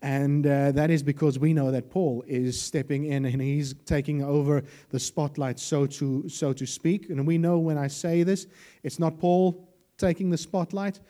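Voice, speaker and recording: A man preaching a sermon, lively and joking, with animated asides. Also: a little high, measured pace.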